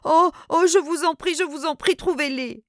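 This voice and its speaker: A frightened young noblewoman begs in a high, quavering voice that leaps up and down, as a woman reading aloud puts her on. Her words come out trembling and urgent. The recording is dry and close. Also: lively intonation, moderate pace, a little mellow, no room sound, close to an everyday voice. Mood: pleading. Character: frightened young noblewoman pleading, under hypnosis.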